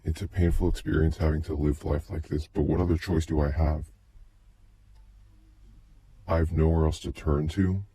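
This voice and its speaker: A man's voice run through a voice changer that drops it extremely deep, leaving it dark and muffled. He speaks in a slow, halting, brooding way and barely moves in pitch, like someone confessing onto a tape. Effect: deep pitch-shifting voice changer. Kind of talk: first-person scripted narration of a recorded tape.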